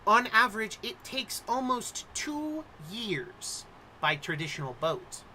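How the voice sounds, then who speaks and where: Male game master, theatrical storytelling, bright tone, faint background noise. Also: high-pitched, very animated, slow pace, rough recording. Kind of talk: introducing and narrating a tabletop game.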